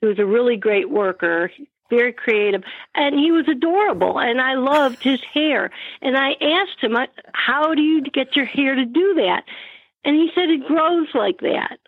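Older woman, phone speakerphone, rambling chat, quick to laugh. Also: high-pitched, lively intonation, breathy edge, no room sound, phone-quality sound. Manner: chatty, rambling, laughs easily. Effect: heard over a phone on speakerphone. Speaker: guest calling in by phone. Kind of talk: casual chat.

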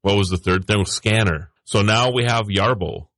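A man chats on a radio talk show, eager and quick to laugh. His voice sits a little low, and the studio mic sounds close and dry. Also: a bit bright, no room sound. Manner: chatty, enthusiastic, laughs easily. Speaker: radio show co-host, tech contributor. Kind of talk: casual on-air chat.

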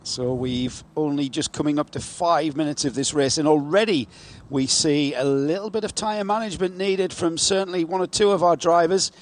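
A man's voice: a little high, normal speed. A man commentating live on a motor race, calling the moves as a motorsport commentator.

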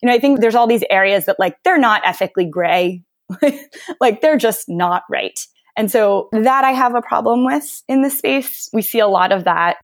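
This woman, a copywriter being interviewed on a podcast, shares anecdotes with plenty of energy. When quoting other people she performs their lines, imitating them in a high-pitched voice.

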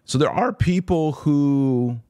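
An American podcast host in his forties answers listener comments, talking casually and directly to his audience. His voice is fairly high and a little mellow, and he takes his time. The recording has no echo.

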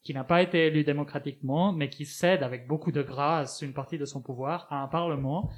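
Male columnist, fairly high voice, ironic scripted comedy chronicle. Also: fairly quick. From Spain. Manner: ironic, joking, reads with asides and laughs. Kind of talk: humorous radio chronicle read from a script. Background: other panelists laughing.

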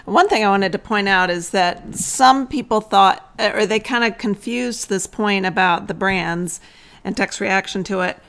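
A woman's voice: mid-range voice, measured pace, a bit bright. A woman from Georgia co-hosting a casual radio talk show, agreeable and chiming in with brief remarks. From Atlanta, Georgia, US. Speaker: podcast co-host.

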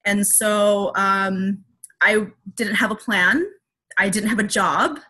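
A woman's voice: medium pitch, steady tone, takes it slowly, sharp tone, husky. A woman speaking candidly as an interview guest, reflective and open, with many fillers and restarts. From Filipino heritage.

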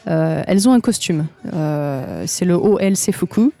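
A woman's voice: on the low side, animated, a little slow, vocal fry, mellow. A woman from France, an interview guest, explaining things at length with frequent hesitations. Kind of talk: conversational interview.

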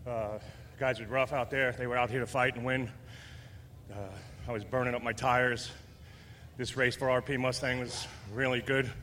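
A breathless man with a bright, forceful voice, just out of the car after winning. He talks in excited, scattered bursts, with faint ambience behind. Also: mid-range voice, normal speed, long reverb tail, slight background noise. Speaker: race-winning driver. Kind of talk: post-race interview.

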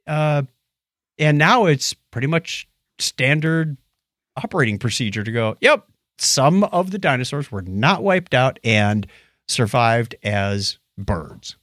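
This middle-aged man speaks slowly at a medium pitch while hosting a casual podcast with a co-host. His storytelling is animated and playful, full of acted-out dialogue and humming, and the studio recording is dry.

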